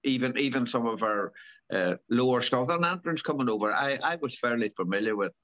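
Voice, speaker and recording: A man in his seventies reminisces in a relaxed interview, his voice bright and forward. He stops, restarts and repeats words often. The recording is dull and lo-fi. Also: mid-range voice. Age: 70s. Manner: halting, repeats words, many fillers. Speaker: rally driver guest. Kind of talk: casual interview.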